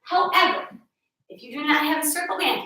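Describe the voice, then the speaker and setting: Her voice sits high and sounds pushed and bright, expressive and fairly quick as she runs a home workout. Between sets of counted reps, this fitness instructor tosses out chatty, joking asides, captured from a distance with roomy echo in a room at home with a mirror.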